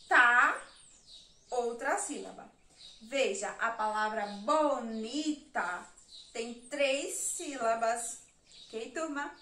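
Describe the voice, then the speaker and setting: A Brazilian primary school teacher with a high-pitched, bright, forceful voice teaches young children in a remote lesson, patiently counting letters and syllables aloud. The room is echoey and the mic is at a distance.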